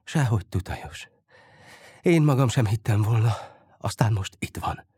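A man's voice: fairly low pitch, animated, mellow, breathy edge, no room sound, clean studio sound. A man voicing Bütyök, an earnest lovesick teenage boy. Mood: earnest, hurt.

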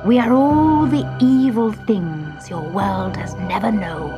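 A woman voicing a cruel stinging beetle that speaks as old age, slow and menacing. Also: medium pitch, dull audio, lightly acted. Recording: music playing behind.

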